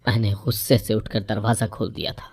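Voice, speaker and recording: A woman's voice: a bass voice, steady tone, a little mellow. Woman reading a moral tale aloud. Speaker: storyteller. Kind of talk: scripted first-person story narration.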